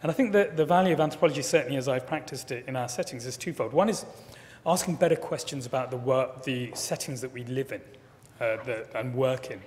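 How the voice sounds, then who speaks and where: A man's voice: medium pitch, fast talker, darkish tone. A middle-aged man, a keynote speaker, answering audience questions thoughtfully at a lectern, often repeating words as he builds a point. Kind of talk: conference Q&A answers. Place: large conference hall, at a lectern. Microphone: lectern microphone. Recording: long reverb of a hall.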